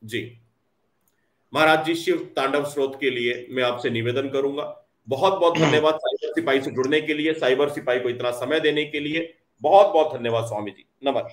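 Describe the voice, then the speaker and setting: A man's voice: medium pitch, moderate pace, reverberant. A man hosting a live stream, reading viewer comments aloud in a respectful, effusive manner.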